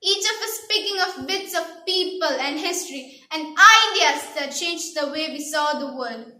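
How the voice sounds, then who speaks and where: Teenage female, piercingly high voice, prim and precise diction, formal declamation, echoey room. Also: lively intonation, a little slow, bright, forceful tone. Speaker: student contestant in a declamation contest. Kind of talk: memorised speech declamation.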